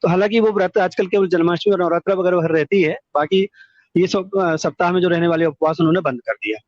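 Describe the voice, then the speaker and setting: A middle-aged man, calling in to tell his life story, speaks fast in a high voice, earnest and long-winded, repeating words for emphasis. The audio is a dull lo-fi call recording with no room sound.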